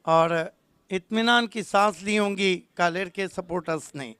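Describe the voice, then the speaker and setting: A male commentator calls a live tennis-ball cricket match with quick wit, rising to loud calls on big moments. His voice sits high and bright with a smooth, crisp tone, recorded close and dry. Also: dry recording.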